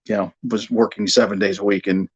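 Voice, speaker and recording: This man's voice is fairly low and husky, level in tone and fairly quick, on lo-fi audio. A middle-aged American from Buffalo, New York, he's a radio sports broadcaster speaking casually as an interview guest about his work, often repeating words while thinking.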